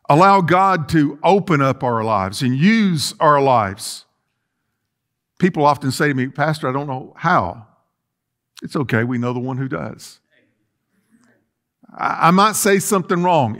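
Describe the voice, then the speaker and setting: Inside a large church sanctuary with rows of chairs, a middle-aged male pastor paces and gestures through a sermon, restarting earnestly. His voice is on the high side with a fairly bright tone.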